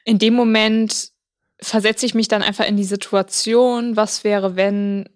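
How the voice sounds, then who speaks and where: A woman's voice: medium pitch, level tone, unhurried. A young woman co-hosting a podcast in casual chat, playful and a little sarcastic. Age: young adult. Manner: playful, self-described sarcastic. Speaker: podcast co-host.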